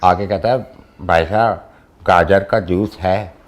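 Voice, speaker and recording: A man's voice: sits low, slow. Guy radio host on a call, joking around and telling a silly story, faint music behind. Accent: Hindi. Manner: teasing, animated storyteller who acts out characters. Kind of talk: playful radio phone chat, telling jokes and riddles.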